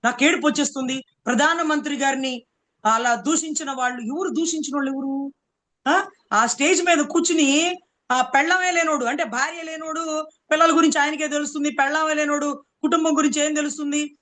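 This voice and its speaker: Woman, political commentator, high-pitched, bright, cutting sarcasm, rhetorical questions. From Andhra Pradesh. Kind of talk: heated political debate.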